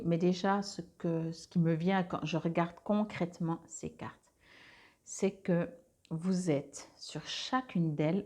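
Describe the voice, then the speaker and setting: A woman's voice: fairly low pitch, mellow. A woman doing a casual monthly card reading on a clip-on mic, hesitant, with many fillers and restarts. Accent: Swiss French. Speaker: tarot card reader.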